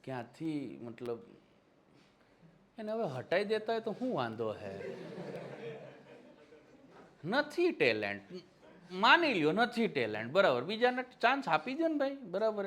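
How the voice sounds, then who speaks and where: Man, exam-prep history lecturer, classroom lecture, teasing satirical asides, fairly high voice. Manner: teasing, mocking, repeats a filler for agreement.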